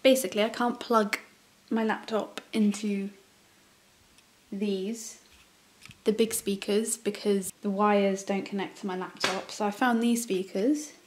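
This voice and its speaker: A woman's voice: medium pitch, fairly even intonation, measured pace, darkish tone, slight background noise. A woman of twenty, chatting casually to camera about her day. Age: 20s. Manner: chatty, self-mocking. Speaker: vlogger. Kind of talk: casual vlog chat. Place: her house, indoors.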